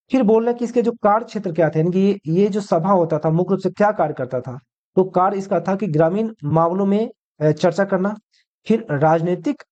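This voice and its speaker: A man's voice: high-pitched, warm tone, highs cut off. A male teacher giving an exam-prep history lecture, asking questions and answering them himself, dropping English words into his Hindi.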